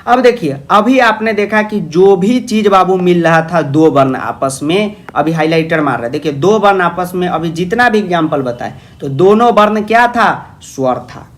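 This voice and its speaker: A man's voice: high-pitched, animated, moderate pace, few pauses. A young man teaching grammar in an online lecture, affectionately calling students "babu" and asking their questions himself.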